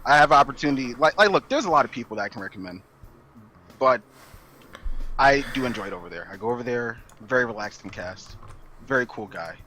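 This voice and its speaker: A man co-hosting a podcast, talking in a playful, animated, jokey way. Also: mid-range voice, slight background noise, low-quality recording. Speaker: podcast co-host. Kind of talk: casual podcast banter.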